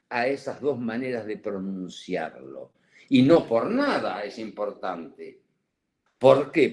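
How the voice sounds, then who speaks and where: A man lecturing slowly, his pitch swinging widely as he circles back over his points. He peppers his talk with "¿eh?" and short asides, and a nagging cough keeps catching at his throat. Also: a little mellow. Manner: slow, digressive, with many "¿eh?" tag questions. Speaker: psychoanalysis lecturer. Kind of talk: spoken seminar lecture.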